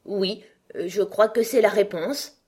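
A woman's voice: medium pitch, measured pace, a little mellow, breathy edge, voice pushed up. A woman reading an audiobook, voicing an earnest, polite young girl who reasons things through carefully.

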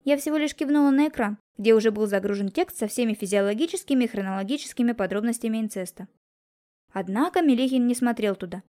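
A woman reading a first-person detective story as an audiobook, in a calm and composed manner. Her voice sits fairly high. She keeps the narration steady and measured.

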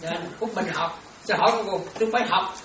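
Speaking at a quick pace and medium pitch, the nun chats informally through her dharma talk, laughing a lot and addressing her listeners as her children. The background is noisy, and the distant recording sounds roomy with a crowd present.

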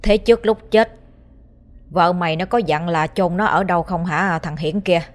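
A woman's voice: on the low side, moderate pace, close to an everyday voice. A woman voicing a stern old man who is a village ritual master, giving commanding instructions in an audio ghost story.

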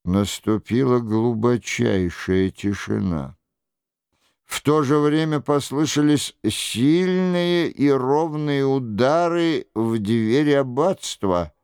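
A man narrating a classic adventure novel in a measured storytelling manner. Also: medium pitch, a little mellow, smooth, no echo, studio quality. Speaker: audiobook narrator. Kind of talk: scripted narration.

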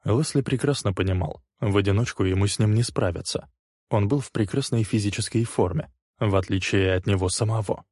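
A man reading a crime thriller aloud in steady, even scripted narration. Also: lowish voice, brisk, breathy edge, no echo, clean studio sound.

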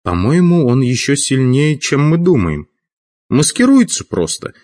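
A man voicing an unflappable veteran male mage who talks unhurried and matter-of-fact, in an audiobook. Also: mid-range voice, sing-song, darkish tone, pitched above the performer's own voice. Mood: calm.

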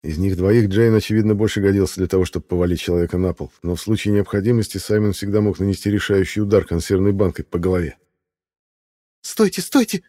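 A man narrating an audiobook in a steady, even storytelling voice. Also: low-pitched, fast talker, hardly any pauses.

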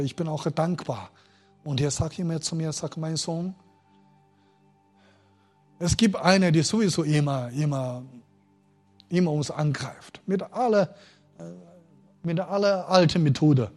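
Husky-voiced man preaching a sermon. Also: on the high side. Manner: emotional, swings between loud and quiet; makes grammar slips and restarts.

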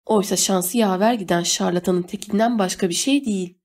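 A woman's voice: mid-range voice, a little fast, a little mellow, lightly acted. A woman reading an audiobook voices a bitter gilled man with a raised, scornful voice. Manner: scornful, accusing. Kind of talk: audiobook character voice.

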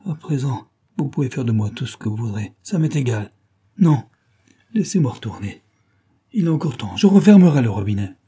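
A man's voice: mid-range voice, lively intonation, normal speed, warm tone, husky. A man voicing a bold detective in disguise. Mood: despairing. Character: bold adult male detective posing as a captive. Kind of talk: audiobook character reading.

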